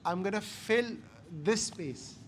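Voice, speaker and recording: Male martial arts instructor, Indian accent, slightly high voice, emphatic short phrasing, live class with some background noise. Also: animated, slow, a bit bright. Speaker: jiu-jitsu instructor.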